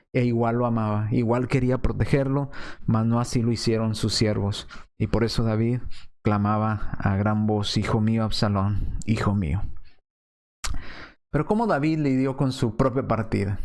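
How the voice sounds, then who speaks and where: Male preacher, mid-pitched, earnest sermon delivery with rhetorical asides. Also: a little mellow. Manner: earnest, with frequent rhetorical check-ins.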